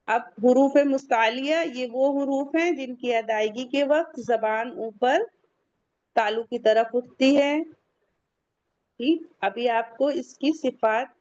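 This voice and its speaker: A woman's voice: a little high, darkish tone. A woman teaching an online recitation class, patiently repeating key points for her students to memorize over a video call. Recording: dull lo-fi online call audio.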